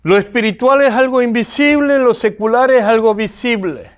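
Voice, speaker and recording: Lecturing a seminary class, a man from Argentina frequently asks his students rhetorical questions. His Argentine-accented voice is very high-pitched and clean, moving at a normal speed.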